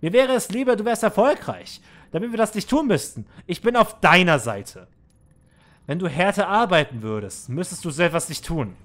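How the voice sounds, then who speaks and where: A man's voice: high voice, animated, moderate pace, fairly bright tone. A man voicing a cruel, condescending manager. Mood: menacing. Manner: scolding, condescending. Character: cruel, manipulative older male manager. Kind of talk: reading game dialogue aloud in a let's play.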